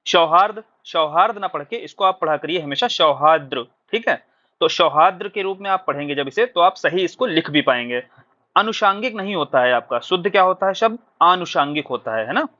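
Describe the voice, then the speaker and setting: A man's voice: a little high, animated, quick pace, a bit bright. A man teaching a recorded exam-prep lesson, explaining patiently and asking questions before answering them himself. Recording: dull lo-fi recording.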